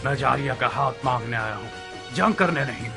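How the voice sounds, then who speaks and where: An actor playing an arrogant young nobleman in a dubbed historical drama, speaking in a smooth, taunting, self-assured way. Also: medium pitch, animated, brisk, sharp tone, soft background music. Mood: defiant. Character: scheming young noble suitor, mocking and arrogant.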